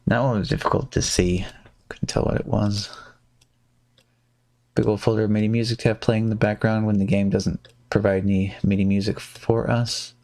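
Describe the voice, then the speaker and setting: A man's voice: on the low side, normal speed. A man streaming a card game live, chatting casually, humming and muttering to himself as he plays. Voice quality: gravelly, relaxed, hums and mutters while playing.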